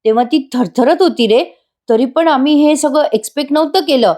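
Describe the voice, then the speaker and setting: A woman's voice: high voice, fairly quick, darkish tone, voice pushed up, lightly acted. A protective young soap-opera husband, earnest and explaining things to the family, as a woman narrator voices him. The voice stays close to her own.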